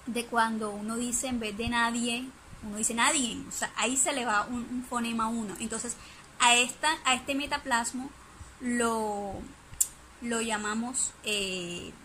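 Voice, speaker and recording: A woman's voice: a little high, steady tone, a little slow, bright, forceful tone, slight background noise, poor audio. A woman giving a spoken lesson presentation, hesitant, with many fillers and restarts.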